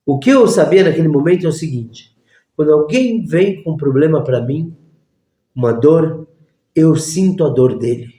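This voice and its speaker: Man, rabbi, storytelling lesson, higher voice, echoey room. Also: normal speed. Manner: animated storyteller acting out voices. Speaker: rabbi teaching a class.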